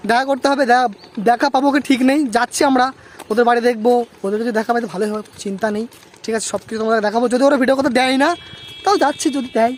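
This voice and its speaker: A man's voice: very high-pitched, slight background noise. A young man from Bangladesh chatting casually to his viewers in a travel vlog while riding outdoors on a rural road, often checking in with them. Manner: chatty, keeps asking viewers "okay?". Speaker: vlogger.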